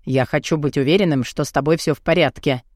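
A woman's voice: low-pitched, fast, a little mellow, dry recording, clean studio sound, pitched below the performer's own voice. A woman voicing a big, blunt young man in an audiobook, growling and curt. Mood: gruff, bossy. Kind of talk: audiobook character voice.

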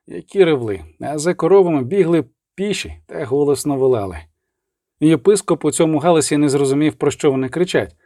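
A man narrating an audiobook in a steady dramatic reading. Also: on the high side, dry recording, studio quality. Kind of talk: scripted narration.

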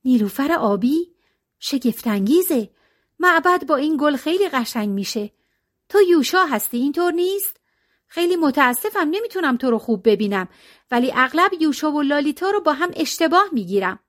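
A woman voicing a kindly elderly monk with poor eyesight, speaking gently in an audiobook. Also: sits high, very animated, pitched above the performer's own voice. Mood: gentle. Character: elderly male monk at a temple, kindly, half-blind.

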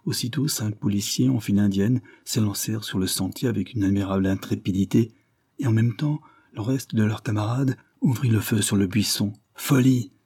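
Low husky male audiobook narrator. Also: fairly quick, dark tone. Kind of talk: scripted narration.

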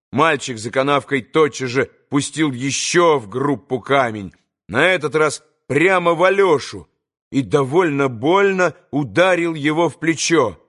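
A man narrating a classic novel as an audiobook reader, measured and expressive. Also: a little high.

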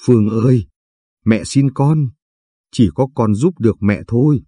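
A man's voice: medium pitch, a little slow, mellow, slightly rough, dry recording, studio quality. A man voicing a desperate, indebted middle-aged mother who begs her child through tears. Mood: pleading. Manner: begging, weepy pleading.

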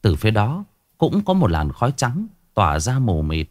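A man narrating a ghost story as a storyteller, telling it in a dramatic, expressive way. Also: on the low side, moderate pace.

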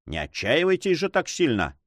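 A man's voice: on the high side, huge pitch swings, moderate pace, fairly bright tone, no room sound, clean studio sound, pitched above the performer's own voice, full character voice. A man voicing a courteous, gracious marquis in an audiobook. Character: noble marquis, gracious and cheerful.

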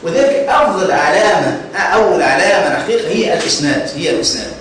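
A man's voice: fairly high pitch, lively intonation, fast, fairly bright tone, slight background noise. A man with a Tunisian Arabic accent teaching a grammar lesson to a class, often stopping to ask whether they follow. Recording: echoey classroom, mic far off.

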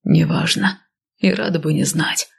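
A woman's voice: low voice, fairly even intonation, unhurried, creaky, breathy edge, voice pushed down, heavily acted. A woman voicing a grim, stubborn man cursed and bound to death, curt and stern, in an audiobook. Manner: stern, curt, speaking through clenched teeth. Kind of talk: audiobook character voice.

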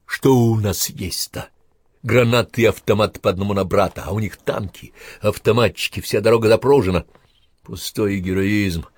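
A man voicing a gruff army captain in command, who talks in stern, clipped orders. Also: fairly low pitch, moderate pace, a little mellow, no room sound. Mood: lecturing. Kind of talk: audiobook character reading.

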